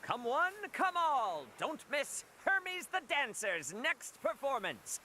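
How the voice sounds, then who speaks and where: A showy game barker, touting a dancer's show in a very high, piercing voice. The calls are slow and drawn out, swooping wildly. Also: male voice, very animated, bright, forceful tone, a little hiss or hum, heavily acted. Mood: showy, inviting. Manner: drawn-out, calling out to passers-by.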